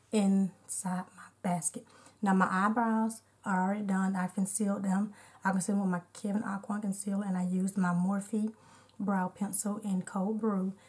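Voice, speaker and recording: Narrating an unedited makeup tutorial step by step, this woman chats in a relaxed beauty-vlogger way. She has a mid-range, darkish voice with a touch of hoarseness and congestion.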